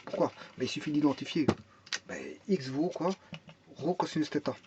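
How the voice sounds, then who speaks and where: A man's voice: on the high side, moderate pace, darkish tone, a little hiss or hum. Man teaching a step-by-step lesson. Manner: thinks aloud, repeats words and restarts often; asks and answers his own questions. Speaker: math and physics teacher.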